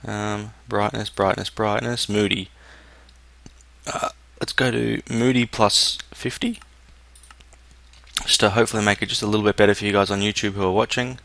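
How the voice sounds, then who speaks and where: A man's voice: on the low side, steady tone, normal speed, creaky, a bit bright. A young man giving casual let's-play commentary, muttering and thinking aloud as he plays. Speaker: gameplay commentator.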